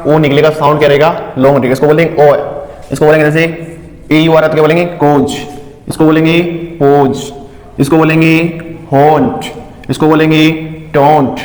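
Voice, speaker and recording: A man teaching English vowel sounds in a phonics lesson, asking questions and answering them himself, spelling words out slowly letter by letter. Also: on the high side, monotone. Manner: asks and answers his own questions. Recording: echoey room with long reverb.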